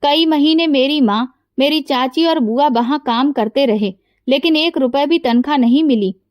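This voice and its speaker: Woman reading as a proud poor boy, grieving, bitter, high voice, dry sound. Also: moderate pace, dry recording, lo-fi sound, natural voice. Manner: hesitant, bitter, quietly sorrowful.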